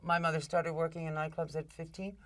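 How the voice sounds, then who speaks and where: A woman's voice: sits low, flat delivery, fairly quick, fairly bright tone. Frank woman talk-show host. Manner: frank, salty asides. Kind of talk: casual interview chat.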